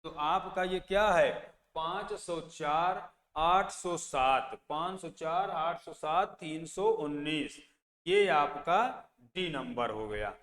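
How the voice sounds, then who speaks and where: A man's voice: on the high side, takes it slowly, a bit bright. A male math teacher, teaching an exam-prep lesson and repeating place values as he asks and answers his own questions. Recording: echoey room with long reverb, faint background noise.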